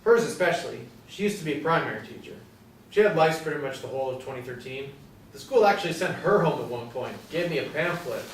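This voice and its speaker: A man's voice: on the high side, expressive, fast talker. A young man in his twenties playing a fussy, petty ice cream seller who speaks in a pedantic, awkward way. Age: 20s. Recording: roomy, distant from the mic, faint noise.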